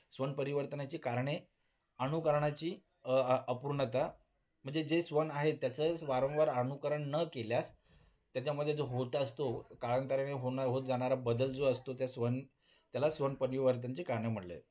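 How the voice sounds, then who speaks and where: A man gives a recorded lecture in a voice of ordinary pitch. He reads out each point, repeats it, and often breaks off mid-word to start again. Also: steady tone, normal speed, a little mellow. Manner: reads out points and repeats them with frequent restarts. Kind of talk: recorded Marathi linguistics lecture.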